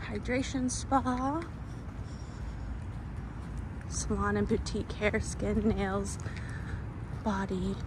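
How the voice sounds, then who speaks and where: A woman's voice: medium pitch, drawn-out words, long pauses. Chatty woman on a walking tour. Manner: chatty, filler-heavy, laughs often. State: tired and thirsty. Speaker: realtor giving a walking tour. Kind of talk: casual walking tour vlog. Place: outdoor shopping center plaza. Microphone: handheld phone camera while walking. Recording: outdoor phone audio with street noise. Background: traffic and outdoor ambience.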